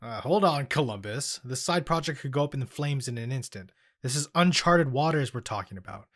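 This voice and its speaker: An actor playing a calm, knowledgeable male occult expert who explains things in a measured way, also narrating in an audio drama. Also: medium pitch, no echo, clean studio sound. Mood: level.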